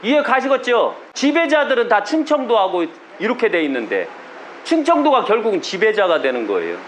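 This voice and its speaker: A man's voice: high-pitched, big pitch swings, fairly quick, a bit bright, a little hiss or hum. A man with a Chungcheong Korean accent, a religious leader giving a blunt sermon to his followers, often asking rhetorical questions.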